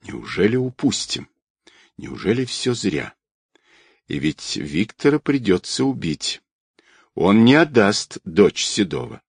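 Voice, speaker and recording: A man's voice: fairly low pitch, big pitch swings, slow, creaky, breathy edge, no echo, heavily acted. A man voicing a cold, scheming woman crime boss in an audiobook, curt and commanding. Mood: brooding.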